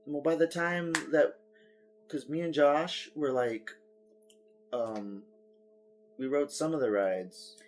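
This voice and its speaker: A man's voice: a little high, slow pace, pauses often, soft background music. A man co-hosting a casual podcast chat, telling rambling stories full of swearing. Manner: rambling, profane storytelling. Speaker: podcast co-host.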